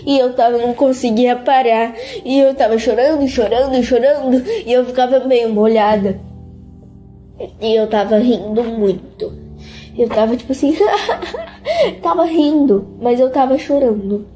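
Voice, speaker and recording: High-voiced teenage girl, halting and earnest. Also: fairly even intonation, mellow, faint music behind. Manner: earnest, halting, repeats words over and over. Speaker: interviewee. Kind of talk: emotional testimony.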